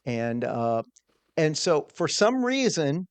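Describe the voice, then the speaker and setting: A man's voice: a little high, big pitch swings, slow pace, clean tone, no room sound. A middle-aged man speaks earnestly as a podcast guest, with a slightly raised voice. He tells his story conversationally and restarts his phrases often. The recording is dry and close. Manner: earnest, with frequent restarts and repeated words. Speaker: guest, small business owner.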